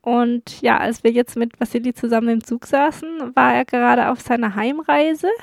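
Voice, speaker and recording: A woman telling a travel story as a vlogger, relaxed, with dry humor. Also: fairly high pitch, moderate pace, vocal fry, dry recording.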